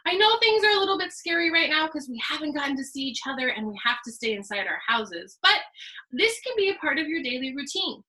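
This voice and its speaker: A woman teaches a children's stretching class in the manner of a kids show host. Her voice is high and bright, with big lively swings in pitch. She gives simple, encouraging directions and sing-song counts, inviting the viewer to answer. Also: fairly quick. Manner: addresses the viewer directly with call-and-response. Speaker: elementary PE teacher. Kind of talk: guided stretching lesson for young children.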